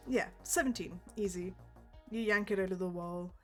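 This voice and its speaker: A woman's voice: mid-range voice, normal speed, soft background music. Easygoing woman game master. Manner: casual and easygoing, with many fillers. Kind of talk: narrating a tabletop game.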